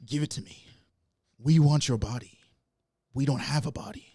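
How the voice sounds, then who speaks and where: A man's voice: medium pitch, normal speed, mellow, husky. Man putting on eerie, greedy ghost chorus. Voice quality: eerie, hissing. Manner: greedy, insistent chanting. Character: creepy chorus of hungry ghosts.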